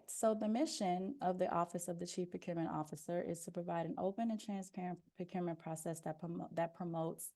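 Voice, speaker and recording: On a video call, a procurement officer with a soft, lowish voice presents an informational webinar via a headphone mic. Her explanation is steady and sprinkled with frequent "um"s.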